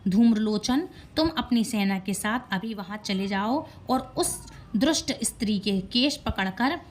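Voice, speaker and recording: A woman's voice: medium pitch, a little slow, slight background noise, natural voice. A woman voicing a wrathful male demon king who issues commands to his generals. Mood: commanding. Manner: issuing commands.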